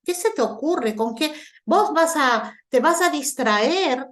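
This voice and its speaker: A woman's voice: high-pitched, expressive, takes it slowly, a bit bright. A woman teaching a Torah lesson over a video call, telling the story and explaining it with rhetorical questions.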